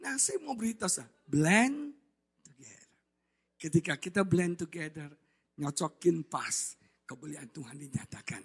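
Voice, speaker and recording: A male pastor, delivering a sermon in a blunt, animated way and often shouting for emphasis. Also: fairly high pitch, moderate pace, long pauses, slightly rough. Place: church sanctuary.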